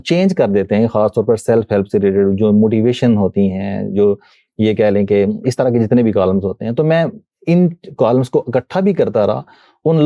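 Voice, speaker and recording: A middle-aged man from Pakistan, a guest answering interview questions politely and hesitantly, often pausing with fillers. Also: lowish voice, no echo. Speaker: guest, voice-over reader of columns. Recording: dull muffled dry sound.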